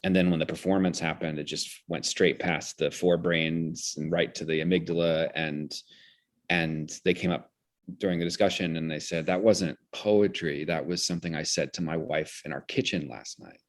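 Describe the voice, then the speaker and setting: A theater director appears as an interview guest, speaking in a very deep voice with fairly even intonation at a moderate pace. He explains ideas reflectively and articulately, in an intellectual way, often restarting his phrases.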